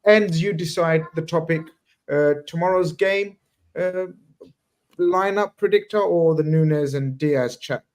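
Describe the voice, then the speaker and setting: A man's voice: a little high, measured pace, a little mellow. A man hosting a casual chat, talking in a rambling way with slang and many restarts. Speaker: podcast host.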